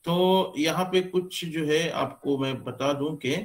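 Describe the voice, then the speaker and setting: A man giving a classroom lecture, explaining slowly with many pauses and fillers as he points to what he writes. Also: a little high. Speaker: teacher. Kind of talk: classroom lecture on English stress.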